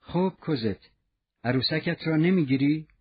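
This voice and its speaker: A man's voice: on the high side, husky, lo-fi sound. A man voicing a harsh, spiteful innkeeper's wife in a storybook reading, with a scolding manner that turns sugary. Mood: falsely sweet. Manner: scolding, then sugary forced sweetness.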